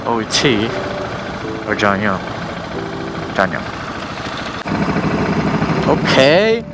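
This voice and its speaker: Male moto vlogger, unhurried slangy bilingual chat, loud traffic and engine behind. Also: on the low side, very animated. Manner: slangy, switches between English and Spanish. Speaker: motorcycle vlogger. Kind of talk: casual vlog chat while riding. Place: outdoors on a motorcycle.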